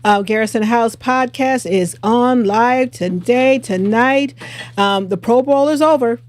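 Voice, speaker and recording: A woman's voice: fairly high pitch, measured pace. Middle-aged woman, podcast co-host, casual and giggly, filler-heavy delivery. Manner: relaxed, laughs often, many fillers. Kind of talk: casual live-stream chat.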